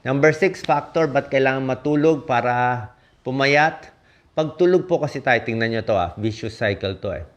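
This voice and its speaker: A man's voice: medium pitch, normal speed. A man from the Philippines, a doctor giving health tips in a casual, emphatic talk, often checking in with his listeners. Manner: punchy, emphatic list-giving with frequent "di ba?" checks.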